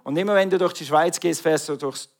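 Animated Swiss preacher, fairly high voice. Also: male voice, a little fast. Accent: Swiss German. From Switzerland. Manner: animated, calls out to the congregation. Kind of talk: sermon.

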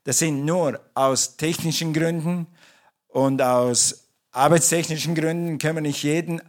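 A man preaching a sermon in German to his congregation, talking in a conversational way with frequent restarts and self-corrections. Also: medium pitch. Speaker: pastor. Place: church.

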